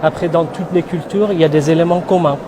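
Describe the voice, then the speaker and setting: A man's voice: on the high side, fairly even intonation, quick pace. A man from the organizing association answering interview questions, hesitant with many fillers. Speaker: association member. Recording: noticeable background noise.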